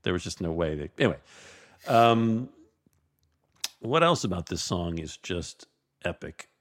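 Animated man, lowish voice. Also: a little slow. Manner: animated, swears, many fillers like "you know what I mean". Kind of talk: casual music chat.

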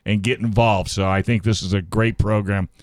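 A man's voice: lowish voice, fairly even intonation, normal speed, no room sound. A man hosting a radio talk show, chatting casually and reading sponsor spots.

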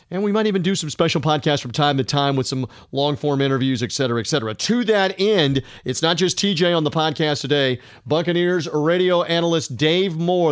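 Upbeat higher-voiced male podcast host. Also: dry recording, clean studio sound. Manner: smooth broadcaster delivery with occasional fillers. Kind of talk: solo podcast monologue.

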